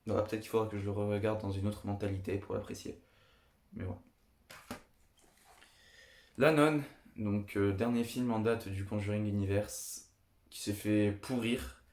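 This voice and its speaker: A young man with a lowish voice talks through his favourite films in a casual, eager monologue. He repeats himself often and gushes about what he likes. His voice rings in an echoey room. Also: steady tone, a little slow, long pauses, darkish tone. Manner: enthusiastic, repetitive, chatty. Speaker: video host. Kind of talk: casual film review monologue.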